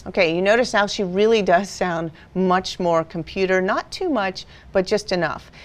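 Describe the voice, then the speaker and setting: A woman instructor calmly explaining audio editing steps in a screen-recorded software tutorial. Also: mid-range voice, moderate pace. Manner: patient step-by-step explaining.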